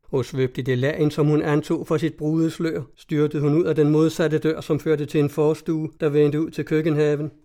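Guy reading an old story aloud, mellow voice, kinda high, steady storytelling. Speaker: audiobook narrator. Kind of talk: scripted narration of a classic tale.

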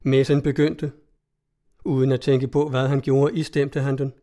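A man narrating a story in a measured, solemn reading voice. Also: medium pitch, flat delivery, mellow.

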